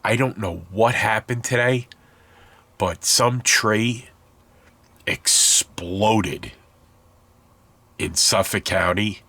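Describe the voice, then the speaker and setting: A man's voice: fairly low pitch, drawn-out words, pauses often, sharp tone, no room sound. A stuffed-up man chatting casually while showing his scale model build, rambling and correcting himself as he goes. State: stuffed up, congested. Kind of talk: casual hobby tutorial.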